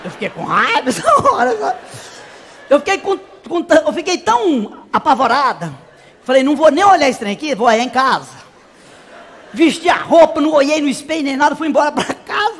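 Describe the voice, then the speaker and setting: Man doing a shrill country gossip woman. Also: sing-song, brisk, fairly bright tone, long reverb tail, heavily acted. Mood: aghast. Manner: gossipy storytelling with shrieks and comic exaggeration. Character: brash rural middle-aged woman, chatty and dramatic. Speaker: stage comedian. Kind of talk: live stand-up character monologue. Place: live stage show.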